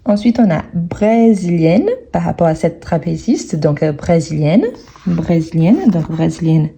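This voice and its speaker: A woman teaching French grammar, speaking slowly and carefully and repeating each word several times as she explains an exercise. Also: lowish voice, creaky, mellow, slight background noise. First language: Portuguese.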